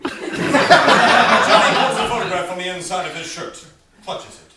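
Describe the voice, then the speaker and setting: A man's voice: high-pitched, measured pace. A man reading scripted narration and stage directions for a comedy play. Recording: very noisy, echoey, far from mic, clicks.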